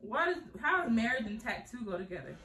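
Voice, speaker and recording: A woman's voice: on the high side, sing-song, quick pace, bright, forceful tone, rough recording. A woman reacting bluntly and skeptically to her boyfriend's prank gifts at home. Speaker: girlfriend, co-host. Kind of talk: casual prank vlog banter.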